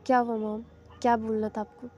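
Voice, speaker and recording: A woman's voice: a little high, little pitch movement, brisk, dark tone, lightly acted. A woman voicing a young female college student who sounds sulky and apologetic.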